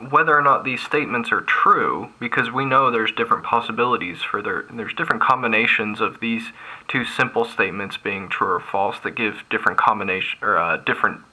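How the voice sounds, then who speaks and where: A man's voice: fairly low pitch, a little fast, bright, forceful tone, low-quality recording. A man lecturing on logic, thinking aloud with frequent restarts and fillers. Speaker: math instructor. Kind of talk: recorded lecture at a board.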